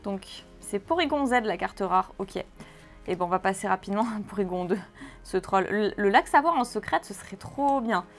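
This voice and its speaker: A woman hosting a card-opening video, chatting casually, reading out card names in a list and breaking into excited exclamations. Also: medium pitch, faint music behind. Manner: gushing, exclamatory, lists card names quickly.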